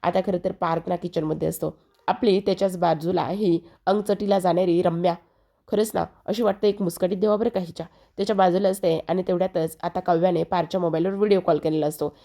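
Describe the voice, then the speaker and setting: Chatty woman narrator for a serial recap, dark gravelly voice. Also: lowish voice, fairly even intonation, fast. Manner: chatty, addresses the viewers directly. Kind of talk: casual retelling of a TV serial episode.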